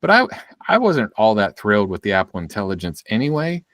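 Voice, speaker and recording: A man's voice: fairly low pitch, very animated, fairly quick, fairly bright tone, no room sound. A man co-hosting a podcast, telling stories in an easygoing way with hedging fillers. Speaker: podcast co-host. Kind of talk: casual chat.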